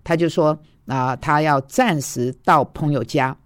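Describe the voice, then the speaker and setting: A woman's voice: sits low, a little slow, no echo. A woman in her sixties, a seminary teacher, gives an earnest, confessional devotional talk, dropping her voice to quote others. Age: 60s. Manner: earnest and emotional, drops her voice for quoted speech.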